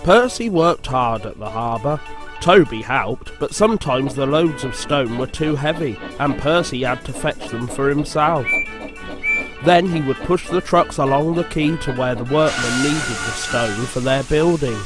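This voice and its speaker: A man narrating a storybook in a measured, clear storytelling manner. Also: mid-range voice. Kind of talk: storybook reading. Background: music.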